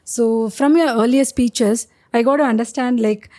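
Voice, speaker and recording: Mellow high-pitched Indian-accented woman host. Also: normal speed. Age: middle-aged. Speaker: interview host. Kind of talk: scripted introduction and interview questions.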